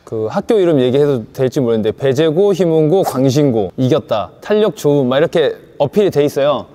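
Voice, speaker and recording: A man's voice: on the high side, expressive, brisk, dark tone. A man talking casually as a basketball coach, weighing up players. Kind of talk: casual evaluative talk. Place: indoor basketball gym.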